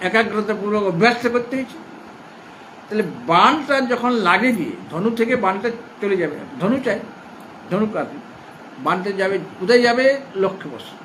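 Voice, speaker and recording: A man teaching a scripture class at an ashram, explaining patiently, rephrasing and repeating points, and reciting verses slowly in a chanting cadence. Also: high-pitched, lively intonation, pushed and bright, a little hiss or hum, poor audio. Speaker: spiritual teacher. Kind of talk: scripture lecture to students.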